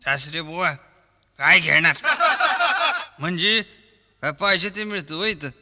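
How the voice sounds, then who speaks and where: Man, Marathi accent, mimicry comedy, quick voice switching, fairly high voice, long stage reverb. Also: pushed and bright. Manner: switches quickly between impressions of film actors. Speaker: mimicry artist.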